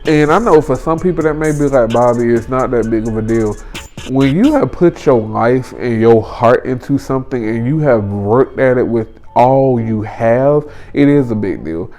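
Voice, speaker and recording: A young man in his twenties tells a workplace story straight to camera in casual, colloquial speech. He hammers his points home by repeating phrases, at a middle pitch, with faint music behind him. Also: moderate pace, few pauses, a little mellow. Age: 20s. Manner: emphatic, repeats phrases for effect. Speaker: vlogger. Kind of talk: storytime vlog.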